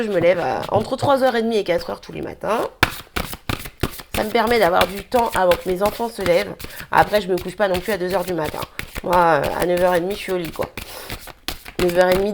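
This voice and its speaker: A woman's voice: fairly low pitch, a little fast, noisy background. A young woman, chatting casually through a daily tarot card reading with many hesitations.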